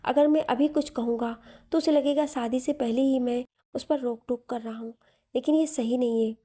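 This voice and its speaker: A woman's voice: high-pitched, steady tone, normal speed, dark tone. Woman voicing a stubborn shy young man. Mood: sulky. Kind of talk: storybook narration.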